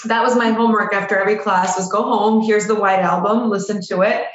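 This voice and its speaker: A woman's voice: medium pitch, steady tone, quick pace, roomy sound, highs cut off. A woman in her forties, originally from Russia, with Russian as her first language, telling her story as a guest in a casual interview with a chatty, self-deprecating manner. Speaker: guest, PR agency owner.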